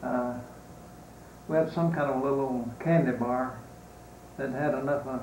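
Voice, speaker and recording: An elderly man with a Southern US accent remembers his time as a soldier in a halting, unscripted way. He speaks slowly and evenly, with long pauses. The recording is roomy and distant from the mic. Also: medium pitch, steady tone, darkish tone, a little hiss or hum. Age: 80s or older. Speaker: war veteran being interviewed. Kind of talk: unscripted reminiscence in an interview.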